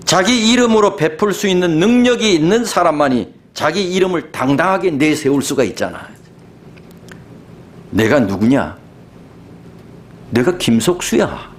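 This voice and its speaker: A man preaching a sermon as a pastor, animated and conversational, often asking the congregation questions. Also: fairly high pitch, normal speed, a little hiss or hum.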